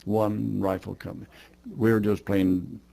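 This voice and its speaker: Low, gravelly elderly American man. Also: flat delivery, unhurried, mellow. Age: older, 80s. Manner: matter-of-fact, understated. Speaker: war veteran. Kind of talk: interview recollection.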